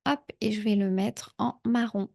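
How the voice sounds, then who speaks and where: A woman talking a viewer through a software tutorial in a casual, chatty way, with frequent fillers. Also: mid-range voice, steady tone, normal speed, vocal fry. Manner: chatty, many "heu" fillers, speaks directly to viewer. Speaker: productivity tutorial creator. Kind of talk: casual screen-share tutorial.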